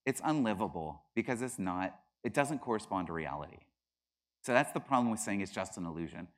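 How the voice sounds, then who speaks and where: A man's voice: fairly low pitch, a little fast. A middle-aged man teaching a class, arguing his points with rising emphasis and acting out quoted voices. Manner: animated, acts out quoted voices with bursts of laughter. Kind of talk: classroom lecture.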